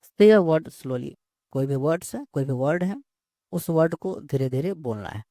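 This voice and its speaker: Slow, gravelly teacher. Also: male voice, a little high, lively intonation, dark tone, dry recording, studio quality. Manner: slow, repeats words and phrases while explaining. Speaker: English teacher. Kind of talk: bilingual lesson explanation.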